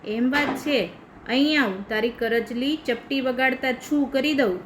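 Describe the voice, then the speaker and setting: A woman playing a short-tempered washerman in a children's story, with a loud, scolding manner. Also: high-pitched, fairly even intonation, unhurried, noisy background. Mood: brisk.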